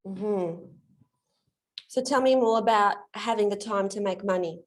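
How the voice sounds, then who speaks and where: On a video call, a woman with a medium-pitched, slightly slow voice coaches a guest through his limiting beliefs. She's friendly and explanatory in this live online coaching demonstration.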